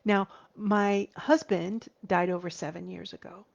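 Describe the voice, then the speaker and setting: A woman in her forties, a grief therapist, speaking earnestly to viewers, slowing down and dropping to a soft whisper for emphasis. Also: medium pitch, fairly even intonation, creaky. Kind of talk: heartfelt talk to viewers. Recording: slightly dull lo-fi recording.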